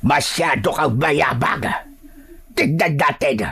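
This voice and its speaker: A man voicing a cruel female aswang queen, speaking slowly and mockingly in an audio horror story. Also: a little high, vocal fry, a bit bright, breathy edge, heavily acted. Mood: taunting. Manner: slow, gloating and taunting.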